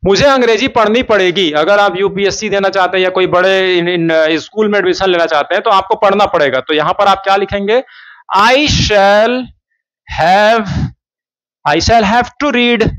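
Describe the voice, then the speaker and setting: A man teaching a spoken English lesson in Hindi, drawing out his English example sentences slowly. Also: high-pitched, fairly bright tone. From India. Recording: dull lo-fi sound.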